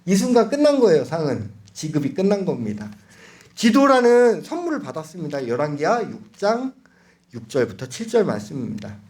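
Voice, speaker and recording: A man preaching a sermon to his congregation, swinging between loud cries and hushed lines and asking them direct questions. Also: on the high side, wildly swooping pitch, a little fast.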